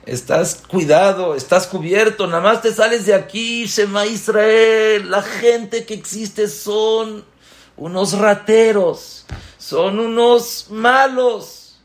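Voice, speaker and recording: A man's voice: sits high, takes it slowly, voice pushed up. A man playing a worried, loving king who speaks earnestly to his son. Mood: pleading. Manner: pleading, then gently earnest.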